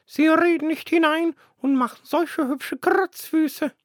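Old pious pigeon, high and grand, condescending; fairy-tale reading. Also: male voice, fairly even intonation, a little slow, dry recording, clean studio sound. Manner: preachy and grand.

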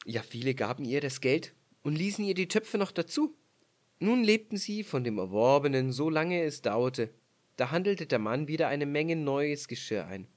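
A man narrating a fairy tale aloud in a measured, expressive storytelling voice. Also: medium pitch.

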